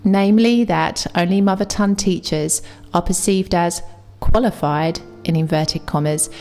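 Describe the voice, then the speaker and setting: This Englishwoman speaks with a London accent in a fairly low, darkish voice. An English teacher, she delivers a scripted, reflective video essay that voices clear opinions.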